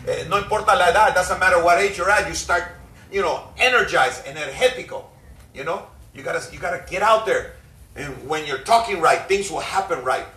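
High-voiced emphatic bilingual pastor. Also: male voice, moderate pace, sharp tone. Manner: emphatic, repeats each phrase in Spanish and English. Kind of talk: bilingual sermon, translating himself line by line. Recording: echoey hall, mic far off.

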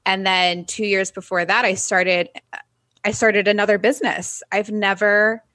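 A woman's voice: mid-range voice, level tone, measured pace, pushed and bright, dry recording. A woman who is a wedding photographer and business owner, talking as a podcast guest in a chatty, upbeat way and laughing at herself. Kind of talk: conversational interview.

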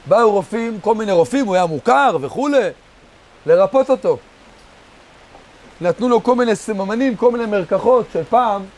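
A man's voice: sits high, lively intonation, darkish tone. A man, a rabbi, telling a story in a sermon in short, dramatic phrases and calling his listeners "guys". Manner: addresses listeners casually as "guys" while narrating. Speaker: rabbi giving a Torah lesson.

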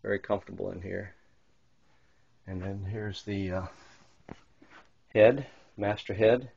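A man gives a slow, rambling narration of a yacht's small wood-paneled cabins while filming the tour, with plenty of fillers and restarts. His lowish voice is creaky, slightly rough and a little mellow, with fairly even intonation. It's captured on a handheld camera mic as dull lo-fi camcorder audio.

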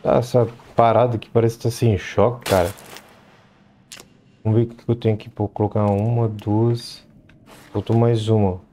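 A man chatting to himself while playing a game, shouting in the fights. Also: fairly low pitch, level tone, normal speed, long pauses, slight background noise. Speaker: gameplay commentator. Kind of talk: let's play commentary.

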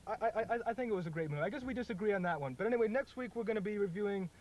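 High-voiced, halting young film critic played by a man. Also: animated, darkish tone. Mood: enthusiastic. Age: young adult. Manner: halting, repeats words. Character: enthusiastic, stubborn male TV film critic, parody. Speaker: show host. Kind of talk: mock movie-review show banter. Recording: noisy home video in parked car.

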